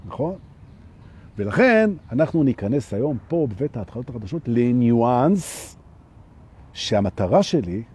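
A man giving a live-streamed spiritual talk on anger, animated, who repeats phrases for emphasis and keeps asking his listeners "right?". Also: medium pitch, slightly rough. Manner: acts out little everyday scenes. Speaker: spiritual teacher.

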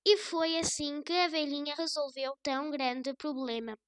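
A woman with a European Portuguese accent reading a children's story aloud in a gentle storybook manner. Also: sits high, moderate pace, no echo, studio quality.

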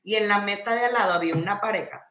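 A Mexican-accented woman tells animated, slang-heavy stories with a lot of swearing. Her voice is bright and forceful. The room adds a noticeable echo. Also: medium pitch, racing. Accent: Mexican Spanish. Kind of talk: casual chat.

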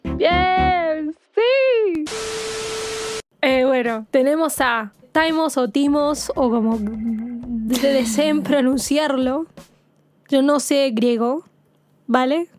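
High-voiced woman explaining casually. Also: takes it slowly, faint music behind. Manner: explanatory, tags points with "¿no?". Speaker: podcast co-host. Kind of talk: casual film discussion.

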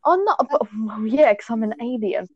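A woman's voice: fairly high pitch, expressive, moderate pace, slight background noise. A young woman, a podcast guest who is playful, teasing and stubborn. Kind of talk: casual chat. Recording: dull dry sound.

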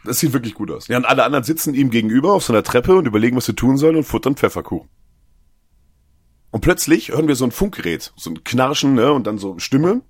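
A man's voice: mid-range voice, animated, fast, breathy edge, dry recording, studio quality. A man co-hosting a podcast, casually retelling a film's plot and briefly acting out the characters' lines amid filler words. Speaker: podcast co-host. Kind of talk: casual film recap.

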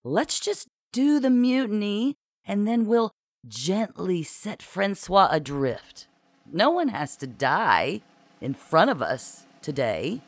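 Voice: mid-range voice, very animated, takes it slowly, no room sound, studio quality, voice pushed up, exaggerated voice. A storybook reader voicing Marcy, a scheming woman accountant who leads a mutiny and talks in breezy corporate euphemisms. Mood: soothing.

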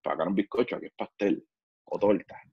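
Play a Puerto Rican man telling stories as a podcast guest. Keep your voice low and a little husky. Be blunt and slangy. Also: fast, no room sound, muffled recording. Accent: Puerto Rican Spanish. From Puerto Rico. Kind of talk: casual storytelling conversation.

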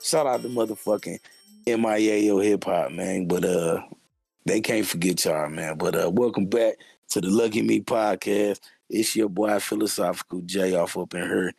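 A man's voice: sits low, moderate pace, vocal fry, a little mellow, husky, no echo, soft background music. A young man co-hosting a podcast, hyped and joking, full of slang and repeated catchphrases. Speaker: podcast co-host. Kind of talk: casual podcast banter.

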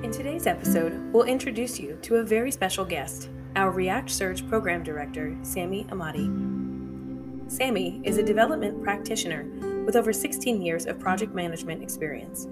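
A woman hosting a podcast, with a voice of middle pitch. She reads her scripted introduction in a clear, measured way. Guitar music plays clearly beneath her. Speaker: podcast host. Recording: music bed under the intro.

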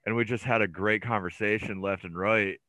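Guy on a podcast telling stories, bright clear voice, dry sound, lots of ums. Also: lowish voice, steady tone, fairly quick, no echo. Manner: rambling storyteller with many fillers and restarts. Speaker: podcast guest. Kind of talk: casual chat.

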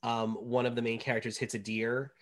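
A woman's voice: very deep voice, flat delivery, brisk. Sneezy woman teasing her sister. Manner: teasing, talks through a stuffy sneezy nose. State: sneezy from a cold. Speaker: podcast co-host. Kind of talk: casual chat.

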